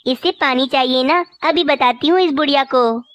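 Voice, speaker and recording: A high-pitched, sharp-tongued young crow wife from a cartoon, voiced by a woman. She talks down to everyone, bossy and lazy. The sound is dry and close. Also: moderate pace, dry recording. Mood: scornful. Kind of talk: cartoon voice acting.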